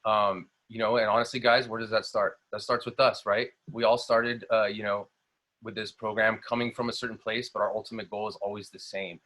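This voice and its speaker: A man's voice: on the low side, flat delivery, brisk, sharp tone. A young adult man, a health coach, giving an upbeat motivational training talk on a video call, full of fillers and restarts.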